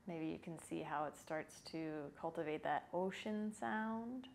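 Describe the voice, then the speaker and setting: A woman, around her thirties, calmly guides a yoga breathing exercise in an informal, unhurried way, speaking indoors into a lapel mic. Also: low voice, creaky, a little hiss or hum. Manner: calm, unhurried, informal instruction. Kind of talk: guided follow-along breathing lesson. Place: small indoor yoga room. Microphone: lapel microphone.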